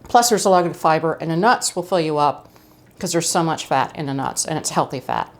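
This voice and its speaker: Middle-aged woman, lowish voice, chatty cooking host with a casual, friendly home-kitchen delivery. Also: lively intonation, a little fast. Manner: chatty, friendly, with fillers and asides.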